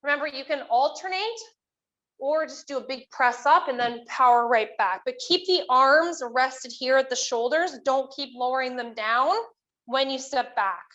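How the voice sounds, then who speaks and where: A woman's voice: high-pitched, moderate pace, fairly bright tone, dull audio. A woman coaching a workout as an aerobics instructor, cueing moves and counts in an encouraging, instructional way. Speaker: fitness instructor leading a workout.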